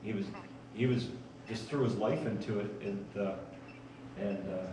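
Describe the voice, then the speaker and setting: A man chatting casually and haltingly, often repeating himself as he recounts things. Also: on the low side. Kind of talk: casual chat. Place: large indoor bowling alley. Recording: echoey room, distant mic, noisy.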